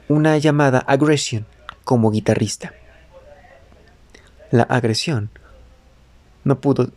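A man narrating a life story in the first person, reading phrase by phrase with some halting self-corrections and words dropped to a whisper. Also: medium pitch, mellow, no echo.

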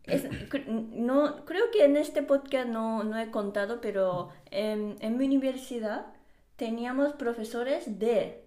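A woman's voice: fairly high pitch, slow pace, mellow. A woman who is not a native Spanish speaker, chatting on a podcast and searching hesitantly for her words. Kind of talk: casual conversational chat. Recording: echoey room.

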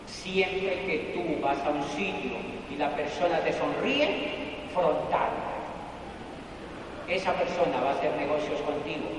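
A man giving a motivational business talk to an audience, emphatic and fond of repeating punchy phrases. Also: a little high. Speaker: business speaker. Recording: echoey hall, distant mic, faint noise.

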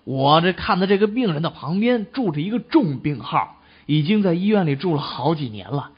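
A man performing comic crosstalk, teasing and playful, with a lively, bouncing pitch. His voice is slightly husky, and the recording sounds dull and lo-fi. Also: brisk. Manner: teasing, expressive.

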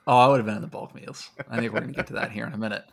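A man co-hosting a podcast, chatting loosely and fast with casual swearing. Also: mid-range voice, fairly even intonation, vocal fry. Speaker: podcast co-host.

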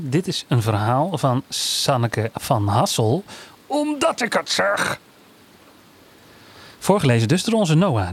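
A man presenting a young reader's story reading with an enthusiastic, brisk delivery. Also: medium pitch, husky. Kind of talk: lively scripted introduction.

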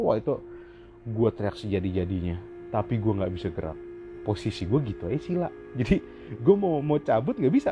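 A man telling a personal story in an animated way, repeating phrases for emphasis. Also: fairly low pitch. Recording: lo-fi audio with music bed.

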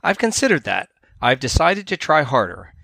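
A man's voice: medium pitch, big pitch swings, moderate pace, creaky, a bit bright, no room sound, exaggerated voice. A man voicing a frantic, stubborn fly who answers curtly and sarcastically in a storybook reading. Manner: curt, sarcastic.

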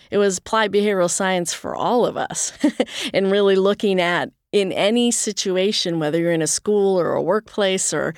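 Guesting on an interview, a sixties-aged American nonprofit chief executive explains things earnestly and conversationally in a mid-range voice, with the occasional laugh. The sound is clean studio audio with no room tone.

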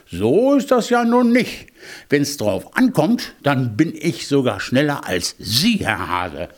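A man's voice: mid-range voice, sing-song, takes it slowly. A man voicing a polite, cunning male hedgehog in a storybook tale, cheerful and scheming. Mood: cheeky. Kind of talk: storybook character voice.

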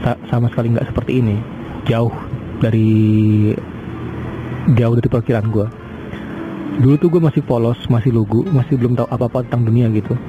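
A man's voice: medium pitch, steady tone, fairly quick, long pauses, narrow, tinny audio, over music. A man in his twenties talking through a casual personal podcast monologue, rambling and hesitant with many fillers and restarts. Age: 20s. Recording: outdoor traffic noise behind.

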